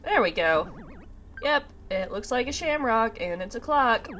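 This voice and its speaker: Her voice sits fairly high with lively intonation, and she speaks a little slowly as she hosts a casual let's play, chatting to herself. She sounds slightly nasal and congested from a sinus infection while recovering from a cough and sore throat. There is a noisy background along with video game music.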